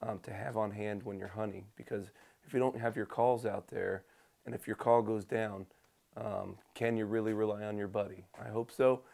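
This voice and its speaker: A man's voice: lowish voice, steady tone, normal speed, vocal fry, darkish tone. A man giving casual, practical instruction in an informal, conversational way. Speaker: hunting pro staff instructor.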